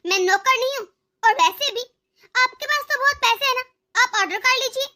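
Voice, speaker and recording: A spoiled, haughty young daughter-in-law from a cartoon family story, voiced by a woman. She talks back sassily in a very high, bright voice. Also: normal speed. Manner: haughty, sassy.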